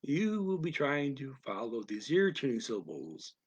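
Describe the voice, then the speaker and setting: A man teaching a language lesson, reading each phrase and then its translation in a deliberate, soft manner that drops near a whisper at times. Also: medium pitch, huge pitch swings, husky, dry recording, highs cut off. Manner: deliberate, alternates each English phrase with its French version.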